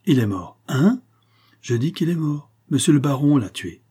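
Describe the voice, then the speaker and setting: A man's voice: on the high side, lively intonation, normal speed, mellow, husky, voice pushed up. Man voicing a sly, mocking male accomplice. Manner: mocking, easygoing. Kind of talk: audiobook character reading.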